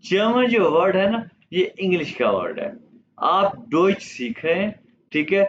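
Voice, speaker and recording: A man whose first language is Urdu teaches a beginner German class, speaking very slowly and repeating each word. His voice sits a little high. The audio is slightly dull and lo-fi, with faint noise behind it. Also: very animated. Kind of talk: online language lesson.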